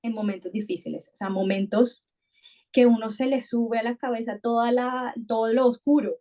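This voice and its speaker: A woman's voice: a little high, steady tone, normal speed, dark tone. Reflective woman podcast host. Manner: thoughtful, many restarts and repetitions. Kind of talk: reflective conversational podcast talk.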